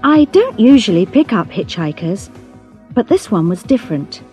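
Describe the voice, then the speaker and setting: A woman narrating a first-person story in a measured, expressive reading. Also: medium pitch, soft background music. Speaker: audiobook narrator.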